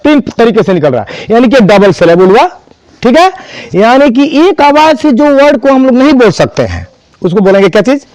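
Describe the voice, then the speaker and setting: A man's voice: very high voice, sing-song, fairly quick, darkish tone, no echo. A man teaching an English grammar class, spelling words out and quizzing students. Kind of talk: classroom lesson.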